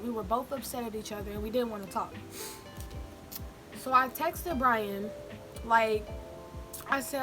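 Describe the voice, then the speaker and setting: A woman's voice: a little high, low-quality recording. A young adult woman vlogger chatting casually and telling a story in an informal, slangy, emphatic way. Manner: animated, informal slangy delivery with emphatic repetition. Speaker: vlogger hosting a mukbang storytime. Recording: music in the background. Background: background music.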